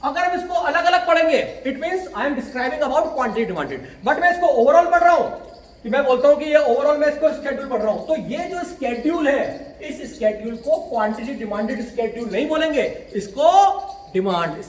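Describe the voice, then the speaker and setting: A man's voice: very high voice, animated, moderate pace, roomy sound. A man teaching economics, explaining step by step and answering his own questions, mixing in English terms. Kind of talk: classroom lecture.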